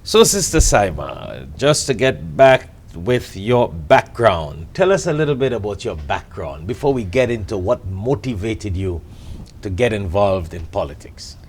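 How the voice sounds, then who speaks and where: A man's voice: lowish voice, big pitch swings, a little slow, a little hiss or hum. An older man from Trinidad hosting a TV interview show, with a welcoming, formal manner. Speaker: show host.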